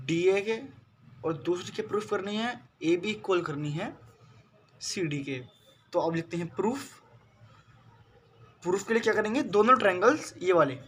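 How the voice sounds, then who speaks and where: A man with a fairly high voice teaches a math lesson, asking his students questions and answering them himself. His English terms carry a Hindi accent. A faint background noise runs under the recording. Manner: patient, repeats questions to students. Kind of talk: classroom lesson.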